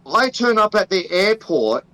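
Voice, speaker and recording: Bright, high-voiced Australian man. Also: sing-song, measured pace, no room sound, poor audio. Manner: laid-back banter, swears casually, calls his co-host "brother". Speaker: podcast co-host. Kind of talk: casual chat.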